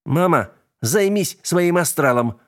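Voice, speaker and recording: A man's voice: medium pitch, expressive, normal speed, darkish tone, slightly rough. A man voicing the witch's surly grown son, who snaps and curses. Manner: snapping, cursing.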